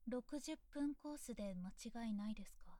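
A young woman playing a composed, very polite maid, speaking in soft close whispers in an ASMR roleplay. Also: a little high, normal speed, no echo, natural voice. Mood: courteous. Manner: formal, very polite and calm.

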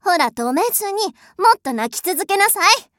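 A woman's voice: very high voice, sing-song, a little fast, a bit bright, no echo, clean studio sound, exaggerated voice. A woman voicing a haughty, spoiled rich young lady who is bossy, cruel and scornful, in an audio drama. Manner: imperious, scornful, mocking. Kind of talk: adult audio drama role-play.

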